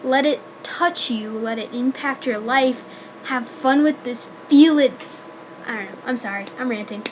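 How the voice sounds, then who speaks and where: Young college girl rambling on camera, kinda high voice, tons of likes and ums. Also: unhurried, a little hiss or hum. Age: young adult. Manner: rambling, full of "like" and "um". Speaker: student vlogger. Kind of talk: casual chat to camera.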